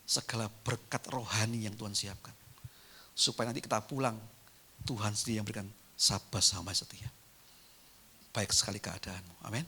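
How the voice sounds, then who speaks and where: A man's voice: fairly low pitch, steady tone, normal speed, pauses often, pushed and bright, slightly rough. A man pastor giving a sermon in church, telling a story animatedly and addressing the congregation directly.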